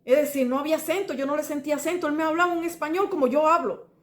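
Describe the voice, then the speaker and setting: Racing through her words, a middle-aged woman from Cuba with a Cuban Spanish accent and a slightly high voice shares her faith testimony. She is earnest but rambling, circling back over details, restarting, and repeatedly addressing the listener as "brother," while the room echoes around her.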